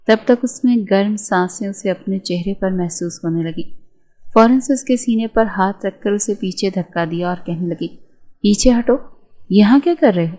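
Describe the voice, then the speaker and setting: A woman narrating a romance novel aloud at a steady, measured pace. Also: mid-range voice. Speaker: audiobook narrator.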